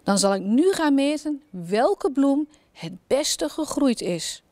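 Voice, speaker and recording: A woman voicing a calm, matter-of-fact footman in a children's story. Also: sits high, slow pace, no room sound, pitched above the performer's own voice, heavily acted. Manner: dry, businesslike.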